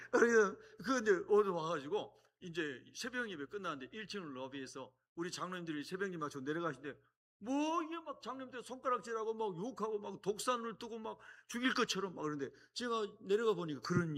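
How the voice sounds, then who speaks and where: A middle-aged man preaching a sermon as a guest preacher, telling stories with sudden loud exclamations. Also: sits high, big pitch swings, fast. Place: church sanctuary.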